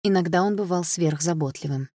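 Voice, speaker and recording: A woman reading a first-person audiobook narration in an even, subdued manner. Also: fairly low pitch, brisk, no room sound. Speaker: audiobook reader.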